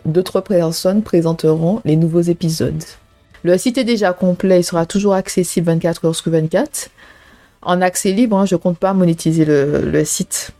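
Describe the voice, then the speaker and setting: A woman in her 30s with a low, mellow voice hosts a casual faith podcast, speaking to her listeners. Her talk is personal and relaxed, full of "euh" and "hein" fillers, with a preaching tone.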